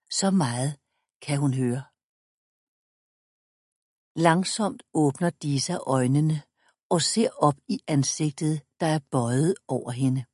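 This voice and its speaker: A woman reading a children's book aloud, calm and measured, announcing page numbers. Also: low voice, breathy edge, dry recording, clean studio sound. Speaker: audiobook reader.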